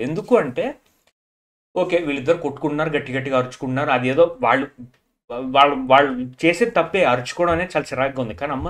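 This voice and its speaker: Fast-talking, opinionated man. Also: a little high. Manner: animated, opinionated, mixes English into his talk. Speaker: reality show reviewer. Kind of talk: casual spoken review.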